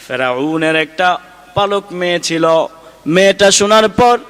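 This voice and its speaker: A man's voice: high voice, expressive, measured pace, a bit bright, smooth. A male preacher telling a religious story dramatically in a sermon. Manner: dramatic, exclaiming. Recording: long hall reverb.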